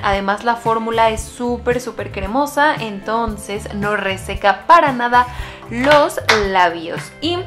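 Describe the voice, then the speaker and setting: A young woman in her twenties talks casually to camera as a beauty vlogger, her voice sitting fairly high. She gushes and rambles with plenty of fillers and restarts. Soft music plays faintly beneath her. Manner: chatty, gushing, lots of fillers and restarts. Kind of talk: casual makeup chat to camera.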